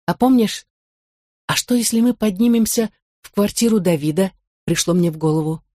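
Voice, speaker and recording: A woman narrating a memoir audiobook in a measured, expressive reading. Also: lowish voice, no room sound, clean studio sound.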